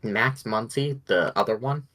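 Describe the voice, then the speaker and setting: A man's voice: on the low side, animated, a little slow, a bit bright, poor audio. A man co-hosting a podcast in casual chat, rambling and hedging as he thinks aloud. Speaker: podcast co-host.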